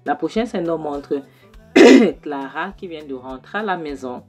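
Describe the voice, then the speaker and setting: A woman with a low voice narrates a film recap in a relaxed, chatty way. She pauses on fillers as she describes each scene. Faint music runs behind her. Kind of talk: casual spoken film recap.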